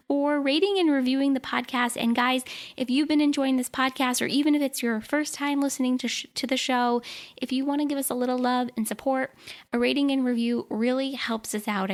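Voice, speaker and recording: A woman hosting a podcast, talking in an upbeat, enthusiastic way. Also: sits high. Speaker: podcast host. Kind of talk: podcast host intro.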